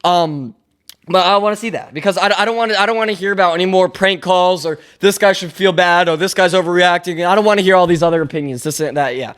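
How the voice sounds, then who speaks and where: A young man with a high, smooth, clear voice runs through sports news on his podcast. He rambles and stays opinionated, often circling back to correct himself mid-thought. Casual solo commentary. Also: fast, a bit bright. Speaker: podcast host.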